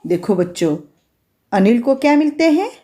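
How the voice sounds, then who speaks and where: A woman's voice: on the high side, sing-song, moderate pace, mellow. A woman doing a cheeky little boy. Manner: innocent, cheeky. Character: naughty cheeky young boy.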